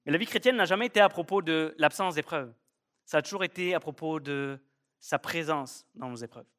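A man's voice: a little high, brisk, fairly bright tone. A man preaching a sermon at a church service, emphatic and fond of repeating key phrases. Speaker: pastor.

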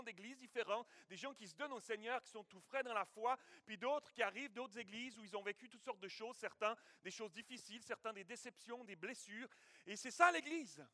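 A man with a high, bright voice preaching a sermon. He tells his story in an animated way, voicing sound effects and stumbling through restarts. The sound is dry and close, with no room echo. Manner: frequent restarts and repeated words. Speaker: pastor. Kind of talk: sermon with a personal anecdote.

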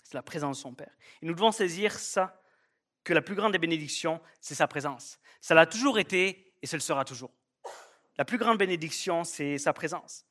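A man's voice: fairly high pitch, animated, moderate pace, fairly bright tone. A man preaching a sermon at a church service, emphatic and fond of repeating key phrases. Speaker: pastor.

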